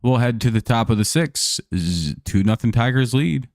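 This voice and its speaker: Here a man delivers loose play-by-play of a baseball game on a live stream, trading jokes with his audience between plays and sounding a bit worn from a long day. He speaks at a normal speed in an animated, mid-range voice, recorded studio-clean with no echo.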